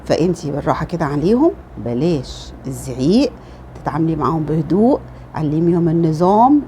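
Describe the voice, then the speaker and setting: A middle-aged woman with an Egyptian Arabic accent talks quickly and chattily, handing out motherly advice to other women. Her voice is dark and mellow. A faint room ambience sits behind her. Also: sits low, slight background noise. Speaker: lifestyle vlogger. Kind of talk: casual advice talk.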